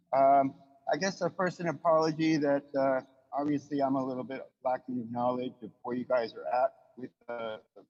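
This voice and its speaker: A man speaking at a mid pitch over a video call whose audio keeps breaking up, words chopped off and dropping out mid-sentence. He talks haltingly and apologetically, with many fillers. The sound is dull and muffled, with a long echo and faint music behind. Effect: choppy connection, audio cutting out mid-sentence. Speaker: public commenter at a council meeting. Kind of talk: hesitant public comment.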